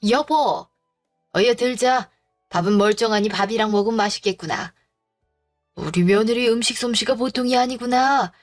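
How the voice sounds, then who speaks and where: 여성이 연기하는 호통치는 깐깐한 시아버지. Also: female voice, a little high, normal speed, soft background music, close to an everyday voice. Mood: pleased. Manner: gruff scolding. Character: stern grumpy older father-in-law.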